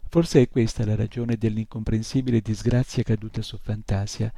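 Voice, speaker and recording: A man voicing a tiny, polite male creature who explains things softly and with a touch of smugness. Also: lowish voice, level tone, moderate pace, creaky, husky, dry recording. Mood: polite explaining. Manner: soft, courteous, slightly smug.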